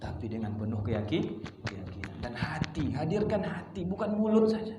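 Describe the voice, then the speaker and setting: A man preaching a sermon to a congregation in a mosque hall, talking in a lively, conversational way and acting out little dialogues as he goes. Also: fairly high pitch, normal speed. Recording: echoey hall with background noise.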